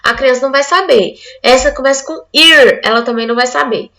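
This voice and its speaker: A woman's voice: high-pitched, fairly quick, bright, forceful tone. A woman from Brazil teaching an online literacy lesson, explaining step by step and acting out a child's answers.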